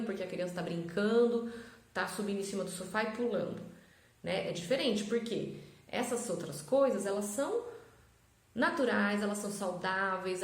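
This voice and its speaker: A woman's voice: medium pitch, roomy sound. A woman, a mother talking reflectively and conversationally about parenting in a casual stories monologue. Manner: reflective, conversational, frequent tag questions. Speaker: mother of triplets sharing parenting advice.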